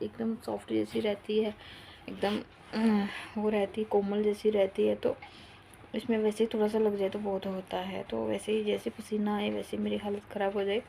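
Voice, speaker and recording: A young woman chats at home in a rambling, casual vlog voice. Her tone has a gravelly fry at its edges. Faint background noise sits under her talk. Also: mid-range voice, a little mellow. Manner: chatty, rambling, breaks off to coax her toddler. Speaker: mom vlogger.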